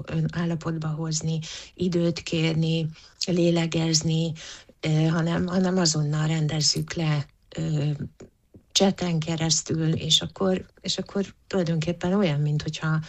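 A woman answering interview questions as a psychologist, thoughtful, with frequent hesitations and restarts. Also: low voice. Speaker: psychologist guest.

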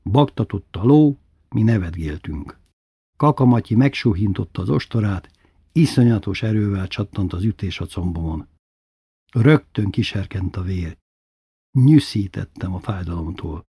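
A man reading a childhood memoir aloud as narrator, in a subdued, intimate storytelling manner with a husky voice. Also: fairly low pitch, expressive, warm tone, dry recording, studio quality.

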